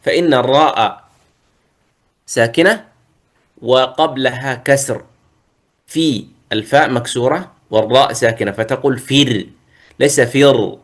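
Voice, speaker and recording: A man teaching a tajweed lesson, reciting verses slowly, then explaining and modelling pronunciations. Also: medium pitch.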